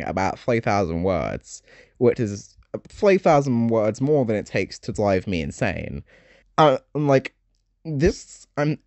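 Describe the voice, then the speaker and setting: Lively, low-voiced teen video essayist. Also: male voice, no echo. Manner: chatty, joking asides, dark humor. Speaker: YouTuber summarizing a game.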